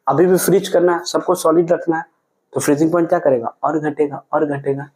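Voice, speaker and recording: A man's voice: fairly high pitch, a little mellow, low-quality recording. A man teaching chemistry, asking questions and answering them himself. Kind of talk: classroom lecture.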